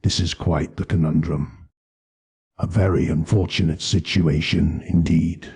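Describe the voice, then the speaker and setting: A man voicing a thoughtful male hotel owner with a soft voice and measured delivery. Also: rumbling low, fairly even intonation, creaky, breathy edge, full character voice.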